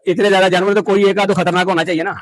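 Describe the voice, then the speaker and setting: Excited man touring a cattle farm. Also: high voice, racing, no echo, rough recording. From Pakistan. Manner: exclaims in delight, coaxes animals softly. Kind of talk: casual walkthrough commentary.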